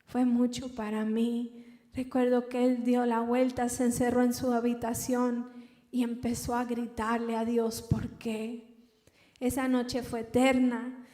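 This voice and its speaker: A woman giving an emotional personal religious testimony, halting and repeating words as she speaks. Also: a little high, completely flat delivery, warm tone. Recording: echoey room with long reverb.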